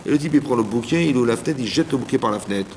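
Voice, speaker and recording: A man giving an informal Torah class as a rabbi, animated, speaking straight to his listeners and acting out little dialogues. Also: mid-range voice, rapid-fire. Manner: animated, addresses listeners directly, acts out dialogues. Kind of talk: informal sermon. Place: community hall. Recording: reverberant hall, faint background noise.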